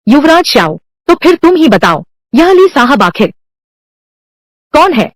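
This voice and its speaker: A female voice-over dubber voices all the characters of a drama single-handedly at a measured pace, using one unchanging voice for men and women. Her high, bright pitch swings animatedly, and the recording is close, completely dry, and free of echo.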